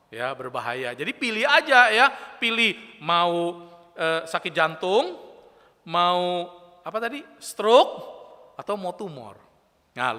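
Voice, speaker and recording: Man, youth preacher, playful sermon, very bright forceful voice, long church reverb. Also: a little high. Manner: animated, playful, asks the audience questions. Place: church, live-streamed service.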